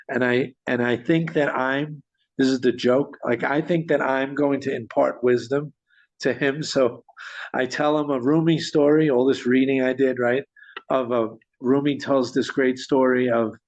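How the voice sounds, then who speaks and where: A man telling a story in conversation, animated, with frequent restarts and small chuckles. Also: mid-range voice. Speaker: guest storyteller. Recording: dull lo-fi sound.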